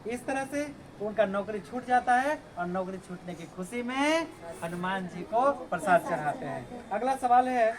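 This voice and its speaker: In a noisy classroom recording, a male teacher with a high-sitting voice and lively intonation lectures at an unhurried pace. He explains the lesson, poses rhetorical questions to his students, and recites verses.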